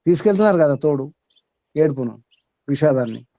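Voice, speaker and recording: This man's fairly high, warm voice moves quickly with lively intonation as he teaches listeners about spiritual matters. Asking questions, repeating important words, and chuckling now and then between points, he shapes it as a question-and-answer discourse; the recording is slightly dull, dry, and without echo.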